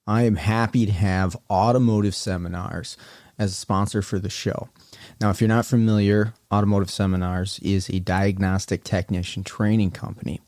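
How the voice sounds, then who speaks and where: A man hosting a podcast, reading sponsor spots and chatting with a guest in a relaxed, conversational way. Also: on the low side, normal speed, no room sound, clean studio sound. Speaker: podcast host. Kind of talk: casual podcast interview.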